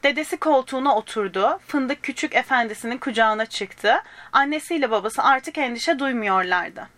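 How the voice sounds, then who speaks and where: A woman reading a children's storybook aloud in a gentle manner, speaking directly to young listeners and giving the characters small voices. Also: on the high side, expressive, normal speed, dry recording.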